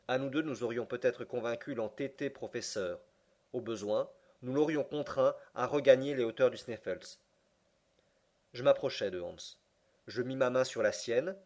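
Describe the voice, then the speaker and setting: A man narrating an audiobook in a measured, even way. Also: mid-range voice. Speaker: audiobook reader. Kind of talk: scripted narration.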